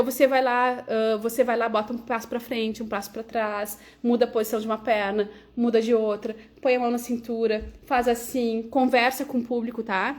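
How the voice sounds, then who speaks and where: A woman teaches public speaking in a lively, conversational livestream, tagging her sentences with "né" and "tá". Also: on the high side.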